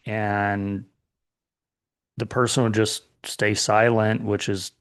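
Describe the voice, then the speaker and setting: A middle-aged man co-hosting a casual chat, talking slowly and thoughtfully with many restarts. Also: lowish voice, level tone, clean tone, no room sound, studio quality. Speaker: podcast co-host.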